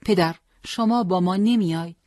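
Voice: medium pitch, darkish tone, no room sound, close to an everyday voice. A firm young male commander, grieving but resolute, as a storyteller voices him. He gives urgent orders in a mid-range voice that rises sharply when he calls out. The sound is dry and close.

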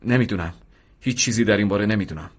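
A man voicing a steady, devout male battalion commander in an earnest radio drama reading. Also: fairly low pitch, natural voice. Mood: urgent. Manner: earnest, fervent when pleading.

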